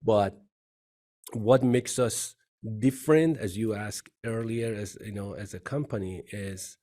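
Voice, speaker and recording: In a low-ish, dark voice and at an unhurried pace, a middle-aged man from Iran shares his story as a CEO guest in an interview. He's earnest, has an Iranian accent, and tends to repeat phrases.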